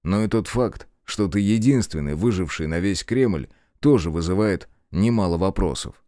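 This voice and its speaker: A man narrating a first-person audiobook in an expressive, dry sardonic tone. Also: low voice, moderate pace, no echo.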